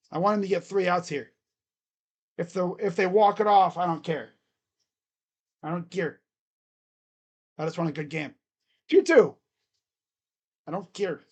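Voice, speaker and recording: Chatting between pitches, a streamer with a loud, booming voice gives casual play-by-play of a baseball game on a live stream.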